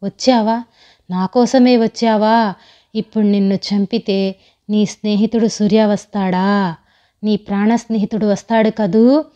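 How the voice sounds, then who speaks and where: A woman's voice: mid-range voice, steady tone, unhurried, long pauses, warm tone, close to an everyday voice. A vengeful female ghost from a horror storybook, taunting her victims in a menacing voice, as a woman narrator puts her on. The sound is a little dull and lo-fi.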